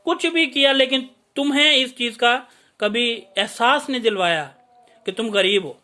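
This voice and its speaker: A man's voice: very high-pitched, moderate pace, bright, forceful tone. A man narrating a moral story in an emotional, preachy way, with repeated appeals to listeners.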